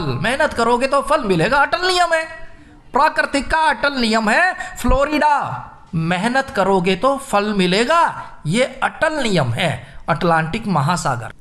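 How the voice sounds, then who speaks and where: Brief: male tutor with a high voice, playful, acts out little bits to teach memory tricks. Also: a bit bright. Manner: playful, acts out crowd voices in a sing-song way. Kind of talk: exam mnemonic lesson.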